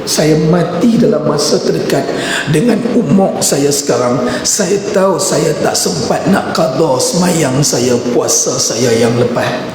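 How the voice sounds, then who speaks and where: A man's voice: fairly high pitch, unhurried, hardly any pauses, close to an everyday voice. A male preacher voicing a tearful man in his sixties who pleads in despair and repeats himself. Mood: pleading. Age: 60s. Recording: echoey mosque hall with background noise.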